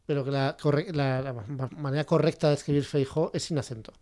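A man co-hosting a casual podcast panel, jumping in quickly and laying out his opinions. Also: medium pitch, fairly even intonation, darkish tone. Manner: rapid, quick to interject and argue. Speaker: podcast co-host.

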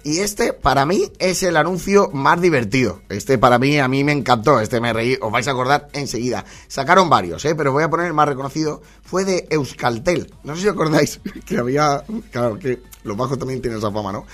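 A man's voice: medium pitch, expressive, brisk, hardly any pauses, a bit bright, soft background music. A man with a Spain Spanish accent chatting casually to followers, laughing often and mimicking voices. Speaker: host.

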